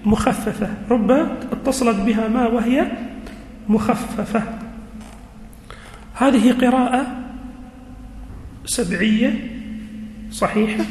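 A male teacher giving a lesson, speaking slowly and deliberately, repeating key words and quizzing his class. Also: very high-pitched, a little hiss or hum. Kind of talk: classroom lesson on Quranic grammar. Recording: echoey hall with faint ambience.

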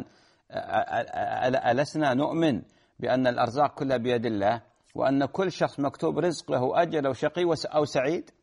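A man's voice: fairly high pitch, gravelly, darkish tone. A man, a religious scholar giving earnest advice in answer to listeners' questions. He repeats phrases and restarts words as he explains.

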